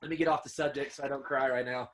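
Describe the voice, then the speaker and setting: A man's voice: mid-range voice, fairly even intonation, racing, a bit bright. A man telling hunting stories as an interview guest, earnest and emotional, often saying "man" and "dude". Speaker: podcast guest, upland hunter and dog kennel owner. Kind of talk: casual storytelling interview.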